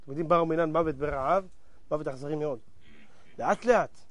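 A male preacher telling a parable in a sermon. He talks dramatically, swinging between loud exclamations and hushed asides, and addresses the audience directly. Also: a little high, no echo.

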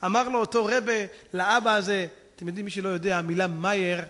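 Man, rabbi, storytelling sermon, very high voice, hushed then shouting, long hall echo. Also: steady tone. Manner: dramatic, swings from hushed tones to impassioned shouting. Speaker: rabbi preacher.

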